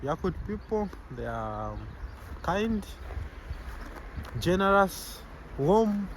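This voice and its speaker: Easygoing man, slightly high voice. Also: sing-song, very slow, background noise. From Zambia. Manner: easygoing, chuckles between answers, repeats "yeah". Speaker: interviewee, medical student. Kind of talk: casual street interview. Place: outdoors on a city street.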